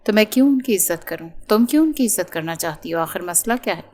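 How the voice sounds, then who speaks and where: A hot-tempered, possessive young man from a romance audiobook, harsh and accusing, read by a woman. His voice sits a little low. He speaks with a threatening edge. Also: animated, darkish tone, close to an everyday voice. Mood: resentful.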